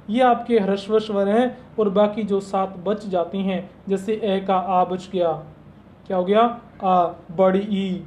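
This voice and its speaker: A man's voice: high voice, darkish tone, slight background noise. Man teaching, quizzing and repeating himself. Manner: asks students questions and answers them himself, repeating key points. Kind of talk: classroom grammar lesson.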